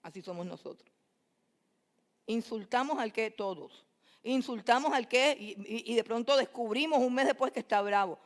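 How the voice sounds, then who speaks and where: A woman's voice: on the high side, moderate pace. A woman preacher, speaking directly to her congregation in a church. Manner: animated, addresses congregation directly. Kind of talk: sermon. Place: church sanctuary.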